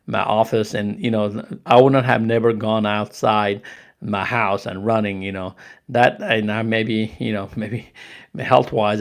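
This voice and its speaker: An older man from Nepal with a Nepali accent, hosting a casual live stream, who talks in halting phrases full of restarts and fillers. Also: lowish voice, vocal fry.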